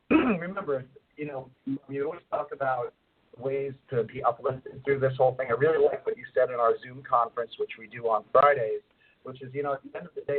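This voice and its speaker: A man's voice: mid-range voice, slightly rough. A middle-aged man co-hosting a radio show by phone, rambling through explanations with many fillers, his voice muffled and distant as if through a long tube. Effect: muffled distant phone line, as if talking through a long tube. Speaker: radio co-host and astrologer. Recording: tinny phone line.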